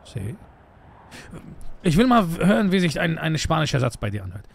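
A man's voice: a little high, sing-song, normal speed, vocal fry, no room sound. A young man playing a joking roleplay character in a video game, tossing Spanish words into his talk.

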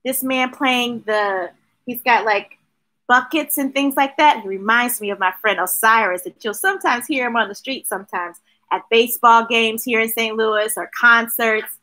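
A middle-aged American woman with a slightly high voice and normal pace hosts children's story time, reading a picture book with playful, rhythmic expression, chanting repeated words and adding chatty asides. She's in a small room lined with bookshelves, picked up by a webcam or device at arm's length.

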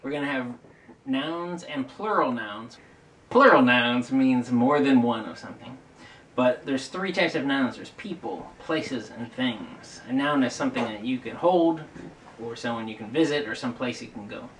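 A man's voice: mid-range voice, lively intonation, moderate pace, a bit bright. Man explaining pirate words, playful. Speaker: family video host. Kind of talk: casual teaching presentation. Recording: distant mic with faint noise.

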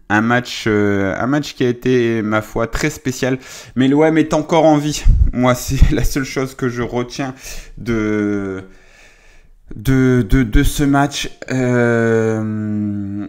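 A man's voice: medium pitch, clear, resonant tone. A tired man casually debriefing a football match on his live stream, chatty and full of hesitations and restarts.

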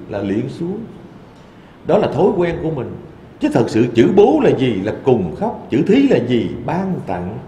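A man, a Buddhist monk, giving a dharma talk in a temple hall with lively storytelling. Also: on the high side, slight background noise. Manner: lively storytelling, quoting voices in asides.

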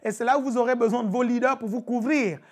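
A woman preacher delivers a live-streamed teaching sermon in a somewhat high voice. She keeps it animated and chatty, laughing easily and calling out to her viewers over and over. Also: fast.

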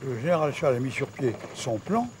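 An older man, a former army officer, telling war anecdotes in a brisk way with fillers. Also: mid-range voice, expressive, darkish tone, a little hiss or hum. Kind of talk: spoken war recollection.

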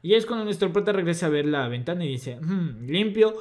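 A man's voice: on the high side, lively intonation, fast, a little mellow. A man narrating a comic recap in casual, chatty speech, retelling each scene and quoting the characters' lines.

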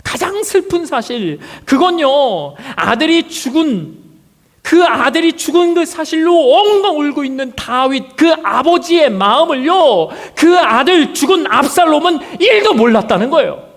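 A man preaching from the pulpit with a very high voice, drawing listeners into the story through a stream of rhetorical questions. His voice rings out with long reverb from the church hall around him. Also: very animated, a little slow. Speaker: pastor. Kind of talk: sermon. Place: church sanctuary.

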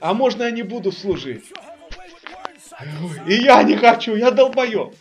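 A man's voice: extremely high pitch, lively intonation, a little slow, highs cut off, faint music behind, exaggerated voice. A man voicing a whining, slacking plumber who grumbles and pleads to dodge army service in a comic parody dub. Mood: pleading.

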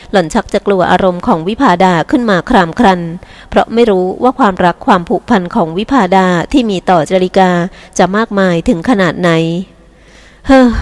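A woman reading a novel aloud as an audiobook narrator, in a calm, even manner. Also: mid-range voice. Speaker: audiobook reader. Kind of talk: scripted narration.

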